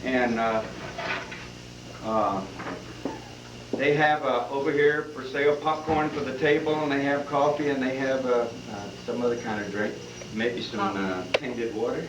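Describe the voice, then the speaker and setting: A man's voice: mid-range voice, fairly even intonation, unhurried. A man with a cowboy drawl, hosting and reciting folksy comic verse at a live event. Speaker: event host and cowboy poet. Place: live benefit event before an audience. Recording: distant, echoey, muffled live hall with noise.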